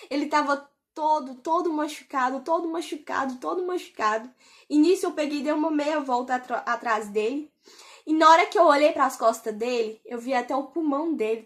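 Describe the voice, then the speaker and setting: A woman's voice: high voice, a bit bright. A woman telling of a religious dream in an earnest, emotional way, often repeating her words. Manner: earnest, emotional, repetitive storytelling. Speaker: vlogger.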